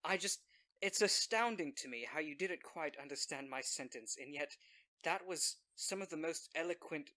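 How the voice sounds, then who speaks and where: A man's voice: fairly high pitch, moderate pace, sharp tone. A man playing a tabletop role-playing game, chatting casually and speaking in character.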